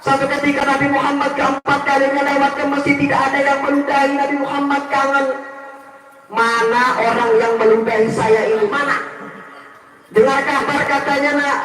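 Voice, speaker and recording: High-voiced preacher, echoey PA. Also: male voice, distant mic. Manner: lively, addresses audience directly. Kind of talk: storytelling sermon. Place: village religious gathering outdoors.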